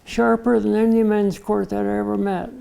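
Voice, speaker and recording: A man in his eighties, a retired barbershop tenor, reminiscing in an interview with many pauses and "uh"s. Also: sits high, level tone, mellow, low-quality recording. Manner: gravelly, unhurried storyteller with many "uh" pauses.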